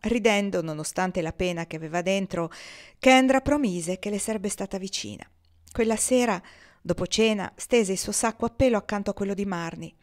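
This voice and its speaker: A woman reading a historical novel aloud in a measured, expressive narration. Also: medium pitch. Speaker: audiobook reader. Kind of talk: audiobook narration.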